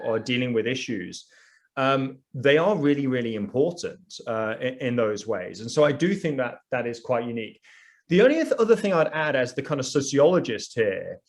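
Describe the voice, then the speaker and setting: British guy on a panel, chatty, lots of um and you know. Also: medium pitch. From United Kingdom. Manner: conversational, frequent fillers and restarts. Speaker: sociologist, panel guest. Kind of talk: panel discussion answers.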